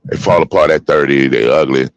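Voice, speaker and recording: A man in his fifties talking forcefully in a heated panel discussion, preaching in street slang. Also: rumbling low, fairly quick, no room sound, lo-fi sound. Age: 50s. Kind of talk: heated casual panel talk.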